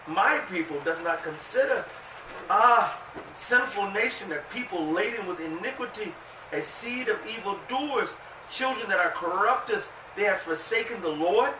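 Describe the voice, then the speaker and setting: A man leading a bible study, reading scripture aloud and commenting in a loud, animated, profane way. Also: high-pitched, moderate pace. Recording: roomy room, distant mic, background noise.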